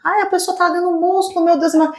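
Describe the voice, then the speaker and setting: A woman with a Brazilian Portuguese accent, a guest chatting casually, animated and often acting out what she said to others. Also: extremely high pitch, fast. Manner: animated, chimes in often, acts out quoted dialogue. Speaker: guest, digital influencer. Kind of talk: casual chat.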